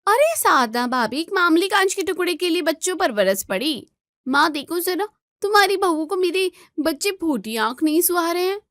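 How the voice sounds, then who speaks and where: A woman's voice: big pitch swings, moderate pace, no echo, studio quality. A woman voicing a spoiled, bossy married daughter who whines and gives orders. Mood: shrill. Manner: shrill, whiny, commanding.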